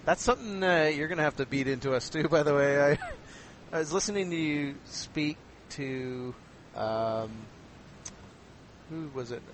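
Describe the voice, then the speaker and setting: A man's voice: a little high, moderate pace, a little hiss or hum, low-quality recording. A man in casual conversation, talkative, often laughing and acting out quotes. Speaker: conversation guest. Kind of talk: casual chat.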